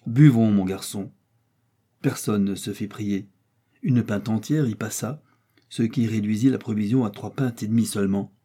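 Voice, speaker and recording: Male audiobook reader, very dark husky voice, measured delivery. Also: lowish voice. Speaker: audiobook narrator. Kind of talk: scripted narration.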